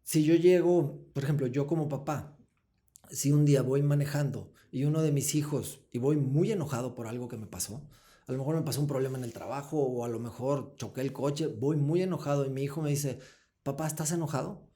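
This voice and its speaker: A man's voice: medium pitch, a little fast, mellow. A man, founder of a foundation, explaining earnestly as an interview guest. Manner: explanatory, acts out short dialogues with children.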